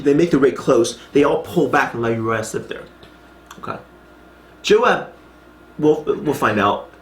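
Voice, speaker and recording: A man's voice: on the high side, reverberant. A man teaching a Bible study in a chatty way, reading scripture aloud and adding asides, often checking in with "okay?" as he goes. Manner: frequent restarts and checks like "okay?".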